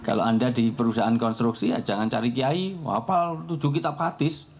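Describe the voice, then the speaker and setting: A man's voice: mid-range voice, fairly even intonation, moderate pace, darkish tone. A man giving a humorous religious talk at a live public forum, telling anecdotes and joking as he goes. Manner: joking, anecdotal storytelling with frequent laughs. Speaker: Islamic preacher.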